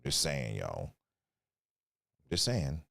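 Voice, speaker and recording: A man hosts a live stream, bantering in slangy, profane casual commentary and reading tips aloud. His voice is very deep with vocal fry and a slightly bright edge, swings widely in pitch, and moves extremely slowly.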